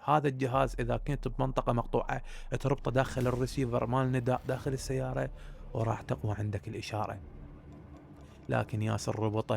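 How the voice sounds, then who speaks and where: Fast gravelly Iraqi storyteller man. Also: medium pitch, a little hiss or hum. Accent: Iraqi Arabic, Baghdad. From Iraq. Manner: addresses listeners directly, builds suspense. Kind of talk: casual spoken horror storytelling.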